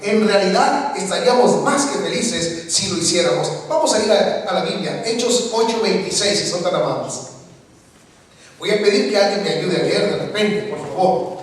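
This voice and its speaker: A man preaching a sermon, his voice pitched high as it moves between hushed storytelling and emphatic declarations. He is heard from a distance in a church sanctuary, and a long, roomy echo trails each phrase. The sound is that of a congregation recording made from the back of the hall. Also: lively intonation, moderate pace. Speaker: pastor. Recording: echoey church hall, mic from far off.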